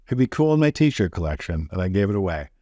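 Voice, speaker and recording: Low-voiced man telling rambling stories. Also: sing-song, fast talker, warm tone, dry recording, clean studio sound. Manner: rambling, self-deprecating storytelling. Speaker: show host. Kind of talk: casual chat.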